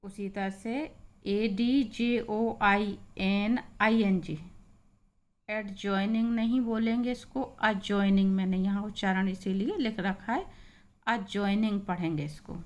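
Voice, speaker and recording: Woman teacher, slow and patient drill of example words, mid pitch, unhurried delivery. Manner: patient, repeats each example word slowly. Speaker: English teacher. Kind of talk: slow spoken pronunciation lesson.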